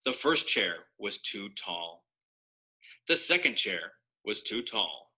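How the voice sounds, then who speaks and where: Very bright, forceful man reading a storybook. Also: fairly low pitch, very animated, slow. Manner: wry, mock-innocent asides. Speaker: storybook narrator. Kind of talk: expressive children's story read-aloud.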